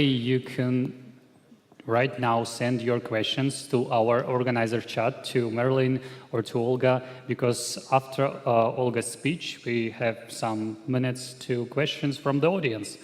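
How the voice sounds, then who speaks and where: A man's voice: medium pitch, a little mellow. A man moderating a conference, introducing speakers with formal, slightly non-native phrasing. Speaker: event moderator. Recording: hall reverb.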